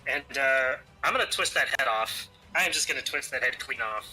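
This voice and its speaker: A man with a husky voice chatting casually as a player in a tabletop game. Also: medium pitch, animated, a little fast, bright, forceful tone, soft background music, low-quality recording.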